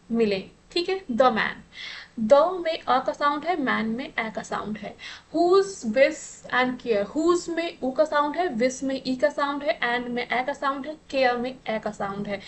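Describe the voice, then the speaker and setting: A woman's voice: high voice, a little hiss or hum. A woman teaching an exam-prep lesson, explaining patiently and asking herself rhetorical questions.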